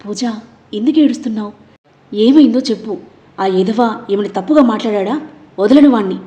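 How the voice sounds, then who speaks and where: A woman's voice: a little high, brisk, warm tone, lo-fi sound, close to an everyday voice. A woman voicing an anxious young man who pleads urgently in a scripted audio story. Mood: worried.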